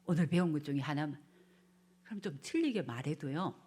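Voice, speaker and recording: Husky-voiced woman lecturing with animated asides. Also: sits low, brisk. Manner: animated, acts out parent and child lines, drops to whispers. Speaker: lecturer on child psychology. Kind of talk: church family seminar lecture.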